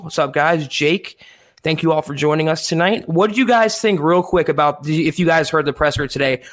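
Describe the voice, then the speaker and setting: A man's voice: fairly high pitch, a bit bright. A man co-hosting a sports podcast, chatting casually with live viewers. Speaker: podcast co-host.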